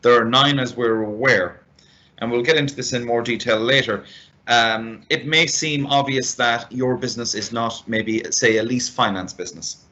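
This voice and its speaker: A man's voice: mid-range voice, bright, forceful tone. A man giving an expert step-by-step business presentation, methodical and speaking straight to his listeners. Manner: methodical, deliberate, addresses listeners directly. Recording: dull, lo-fi band-limited sound.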